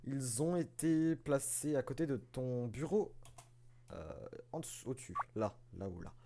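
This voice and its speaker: A man voicing a caring mother in a video game, reading her lines slowly and haltingly. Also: mid-range voice, animated, background noise. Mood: tender. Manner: halting, slow reading with fillers. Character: caring mother sending her child away.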